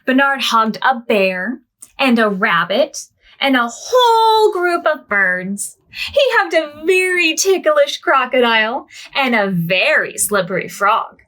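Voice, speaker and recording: With the warm sing-song of library storytime, a woman reads a picture book to preschoolers, unhurried and gentle. Her high voice swoops up and down with lively intonation as she coaxes the children along.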